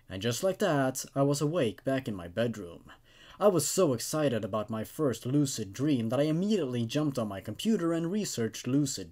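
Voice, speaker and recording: A male host with a slightly high, slightly mellow voice reads and reviews horror stories. He moves from dramatic storytelling to easygoing critique with emphatic delivery.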